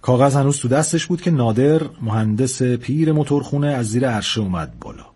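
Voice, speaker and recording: A man tells a story in a calm, even voice. His tone is husky, with a middle pitch. He reads at a steady storytelling pace. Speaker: narrator. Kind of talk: storytelling narration.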